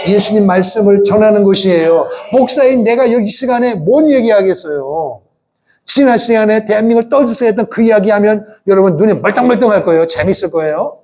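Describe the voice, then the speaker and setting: A middle-aged male pastor preaching a sermon, animated, asking the congregation questions and leading them in repeating phrases. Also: sits high. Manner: animated preaching with rhetorical questions and call-and-response.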